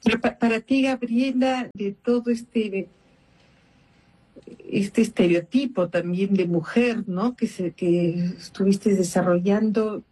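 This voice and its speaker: A woman co-host asking slow, thoughtful interview questions. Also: mid-range voice, warm tone, breathy edge, low-quality recording.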